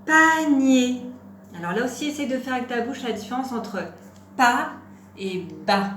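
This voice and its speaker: A woman teaching young children a phonics lesson at home, patiently stretching out words to sound each syllable and gently encouraging. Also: fairly high pitch, fast, echoey room, a little hiss or hum.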